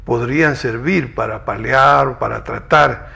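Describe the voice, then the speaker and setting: A man hosting a televised science interview, asking measured, formal questions. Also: mid-range voice, creaky, pushed and bright.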